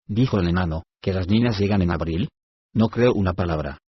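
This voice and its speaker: A man playing a grumpy, half-deaf old male dwarf regent who gruffly mishears everything, in a storybook reading. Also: sits low, brisk, muffled recording. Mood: irritable.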